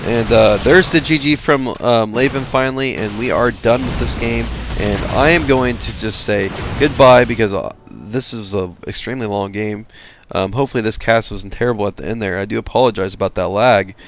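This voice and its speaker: A man giving casual commentary on a strategy game replay, tired and halting, with many fillers. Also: on the low side, slight background noise. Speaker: game caster.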